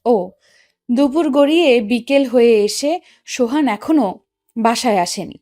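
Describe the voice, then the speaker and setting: A woman's voice: a little high, animated, unhurried, a little mellow, dry recording, clean studio sound. A woman narrating and playing a young wife who tells the story in first person, earnest and questioning, for a Bengali audio story. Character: young wife, hurt and puzzled.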